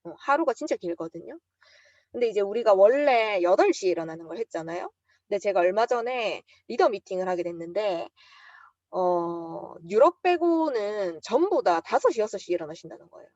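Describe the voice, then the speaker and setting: A woman with a medium-pitched voice and a Busan Gyeongsang accent delivers a motivational seminar at normal speed, sharing stories from her life. She acts out quotes with flashes of emotion in a lively telling, recorded dry with the highs cut off.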